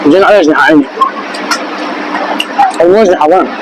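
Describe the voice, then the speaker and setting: A man's voice: fairly high pitch, fast. A man with an Iraqi Arabic accent hosting a casual street food vlog in colloquial speech with short questions and catchphrases. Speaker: food vlogger and host. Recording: noisy outdoor street with traffic.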